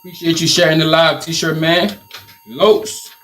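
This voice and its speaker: Casually hosting a live stream Q&A about his t-shirt business, a man from Liberia with a Liberian accent repeats his ideas in an energetic, motivational way. His pitch is fairly high, his pace measured, and there's slight noise in the background.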